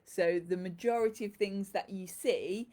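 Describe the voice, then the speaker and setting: Woman, live shop host, effusive and rambling, mid pitch. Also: moderate pace, warm tone. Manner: chatty and effusive, greets viewers by name. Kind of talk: casual live-stream chat.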